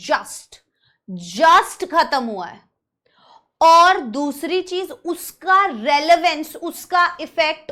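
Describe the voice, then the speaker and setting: A young woman teaching grammar with a high, bright voice that carries. She is lively, stops often to ask if the class is following, and slows right down when she reads the English example sentences. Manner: explains English examples in Hindi, checks understanding often. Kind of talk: energetic classroom lesson.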